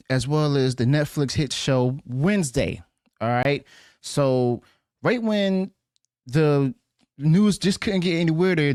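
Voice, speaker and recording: A man's voice: a little high, no echo, studio quality. A man hosting a casual news commentary show, talking in a wry, disbelieving way and often stumbling and correcting himself. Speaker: host of a news commentary channel.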